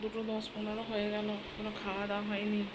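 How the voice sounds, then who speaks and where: Chatty woman vlogging at home, flat voice. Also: mid-range voice, racing, heavy background noise. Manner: chatty, homely, addresses viewers as friends. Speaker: cooking vlogger and mother. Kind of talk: casual home vlog narration. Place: home kitchen.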